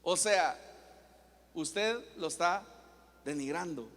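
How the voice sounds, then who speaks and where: High-voiced pastor, echoing church. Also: male voice, takes it slowly, a bit bright. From El Salvador. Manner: teaching, asks the congregation questions. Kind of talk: sermon. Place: church hall. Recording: long church reverb.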